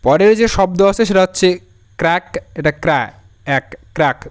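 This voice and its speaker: A man teaching English spelling in a lesson video, slowly spelling out each word letter by letter and repeating it patiently. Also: sits high. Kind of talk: Bengali-language spelling lesson.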